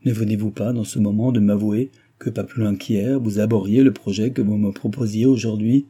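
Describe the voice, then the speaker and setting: A man's voice: on the low side, steady tone, brisk, mellow, husky. A man voicing a proud young woman who answers with firm indignation and reproach. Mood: reproachful.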